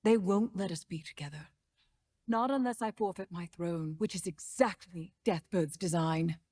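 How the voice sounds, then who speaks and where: An actress playing a proud, passionate alien empress in an animated series, earnest and dramatic. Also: female voice, on the low side, moderate pace, lightly acted. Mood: pleading.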